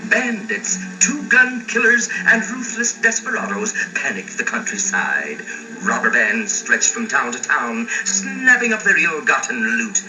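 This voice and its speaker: A man's voice: mid-range voice, lively intonation, a little slow. An actor playing a melodramatic male narrator of a western spoof in 1930s radio serial style, grandiose but chummy with the audience. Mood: grandiose, suspenseful. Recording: distant vintage 1930s cartoon soundtrack, loud music.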